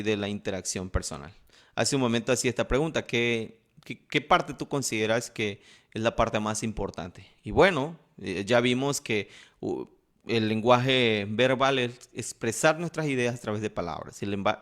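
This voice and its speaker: Man explaining communication. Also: medium pitch. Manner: conversational, asks rhetorical questions, many fillers; acts out example phrases with changing tone. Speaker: teacher. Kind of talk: informal lecture on communication.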